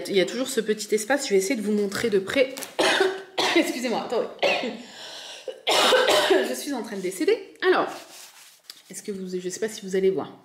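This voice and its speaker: A woman's voice: mid-range voice, a little hiss or hum. A woman casually showing her craft kits to viewers, chatty and hesitant, full of fillers and self-corrections, speaking to the camera from home. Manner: talks directly to viewers, laughs at herself. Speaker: diamond painting vlogger. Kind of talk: casual unboxing show-and-tell. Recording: echoey room.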